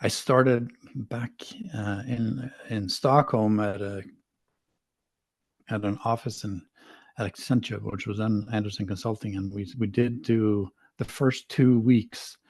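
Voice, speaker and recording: Middle-aged man from Sweden, low-pitched, rambling guest talk, dry close sound. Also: steady tone, unhurried, darkish tone, no echo. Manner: rambling, self-deprecating, frequent restarts. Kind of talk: casual interview talk.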